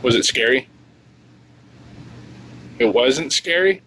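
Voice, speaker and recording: A man's voice: mid-range voice, expressive, slow pace, bright, forceful tone. A man chatting casually and teasingly as he films a family vlog on a handheld camera mic. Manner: teasing, joking. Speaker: vlogger behind the camera. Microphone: camera mic, held by the speaker. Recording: noisy handheld home video.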